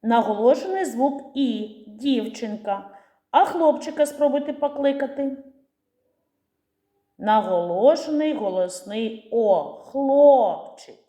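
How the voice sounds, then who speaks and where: A woman teacher giving a lesson to young children, drawing out words slowly and calling them out to show the stressed vowel. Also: on the high side, animated, mellow, reverberant.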